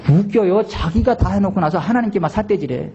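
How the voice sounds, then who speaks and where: A male pastor delivering a Sunday sermon, emphatic, swinging between shouted exhortation and quiet conversational asides. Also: high voice, lively intonation, quick pace, lo-fi sound, a little hiss or hum. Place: church sanctuary.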